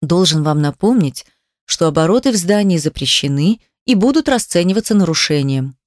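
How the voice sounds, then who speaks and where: A woman's voice: lowish voice, expressive, normal speed, a little mellow, no echo, studio quality, close to an everyday voice. A woman reading a stiff formal official. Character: formal male official, curt and polite.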